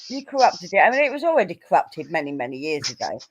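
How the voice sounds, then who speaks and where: A woman's voice: on the low side, big pitch swings, fast, slightly rough. A woman in casual chat on a video call, teasing and arguing her point. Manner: argumentative, teasing.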